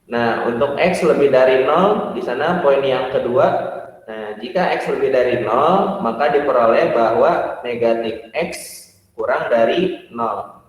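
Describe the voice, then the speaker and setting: A man's voice: mid-range voice, a little slow. A man teaching a math class, explaining step by step with many fillers and checking whether his students follow. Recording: echoey hall, far from the mic.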